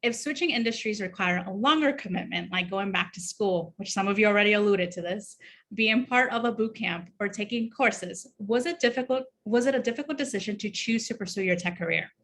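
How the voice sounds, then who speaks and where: A woman's voice: medium pitch, brisk, fairly bright tone. A woman moderating an online career panel in an upbeat, chatty way, passing questions on to the speakers. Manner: upbeat, chatty, hands the floor on.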